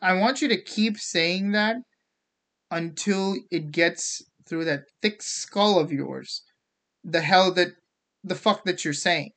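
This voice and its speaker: A host from India, sex unclear, speaks slowly in a mid-range, fairly bright voice with an American accent tinged by Indian. The casual, opinionated rant is theatrical and sarcastic, complete with swearing and acted-out mock quotes.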